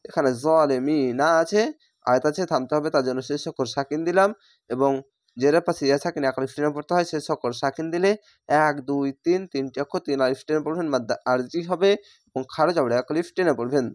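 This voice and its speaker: A man with a Bangladeshi Bengali accent teaches Quran reading in a slightly high voice. He stretches each word out slowly, then explains the rule in plain speech. The sound is close and dry, with no room echo. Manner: slow drawn-out recitation of words between explanations. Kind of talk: spelled-out Quran reading lesson.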